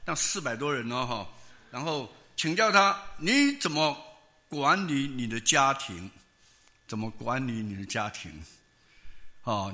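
Older taiwanese mandarin guy preaching, chatty storyteller, lots of fillers, sharp bright voice. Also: mid-range voice. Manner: folksy storytelling with many fillers and tag particles. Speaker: pastor. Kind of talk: sermon.

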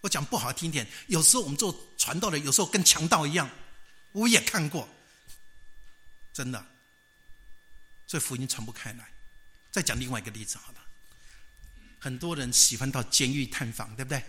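Bright-voiced preacher telling a story. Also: male voice, mid-range voice, a little fast, long pauses. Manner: lively storytelling, rhetorical questions. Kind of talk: storytelling sermon.

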